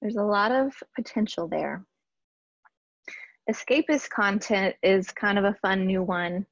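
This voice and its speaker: A woman marketing strategist presenting a workshop in a casual, chatty way, often pausing with fillers and restarting sentences. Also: mid-range voice, no echo, lo-fi sound. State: briefly out of breath. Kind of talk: casual slide-based webinar teaching.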